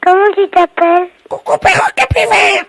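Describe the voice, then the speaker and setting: A man's voice: fairly even intonation, normal speed, fairly bright tone, faint music behind, heavily acted. A man voicing a childlike talking parrot-woodpecker bird over the phone, repeating words in broken phrases. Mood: squawky, curious. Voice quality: shrill, gravelly. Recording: phone line.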